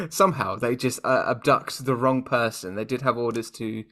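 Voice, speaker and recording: Brief: young British guy, bright forceful tone, lively chat-show co-host. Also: medium pitch, normal speed. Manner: animated, laughs often, jokey quoted voices. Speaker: podcast co-host. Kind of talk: casual chat.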